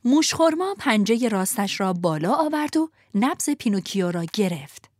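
A woman narrating a storybook in an expressive, animated way. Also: medium pitch, dry recording, clean studio sound.

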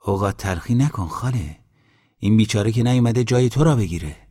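A man's voice: fairly low pitch, animated, warm tone, slightly rough. A man voicing a stubborn, kindhearted young man in a storybook reading. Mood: pleading. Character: stubborn kindhearted young man who keeps an old dog.

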